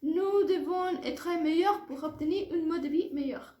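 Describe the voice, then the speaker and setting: This is a muffled, noticeably reverberant recording of a language student from Puebla, Mexico, in her early 20s, giving a prepared oral presentation for French class. A native Spanish speaker with a Mexican accent and a high voice, she speaks at a measured pace, carefully and formally.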